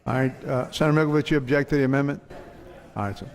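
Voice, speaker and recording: A man presiding over a state senate, calling votes in brisk, formulaic procedural announcements. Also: medium pitch. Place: large legislative chamber.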